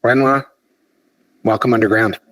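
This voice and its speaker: A man's voice: medium pitch, fairly even intonation, moderate pace, fairly bright tone. A male podcast host with a middle-range voice feels his way through long questions, often stopping to repeat words. The sound is dry and close, with no room echo. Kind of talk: interview conversation.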